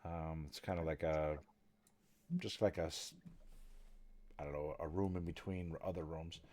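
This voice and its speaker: A man's voice: rumbling low, a little slow. A man narrating as game master in a tabletop game, describing scenes loosely with many fillers. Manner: relaxed, rambling description with fillers.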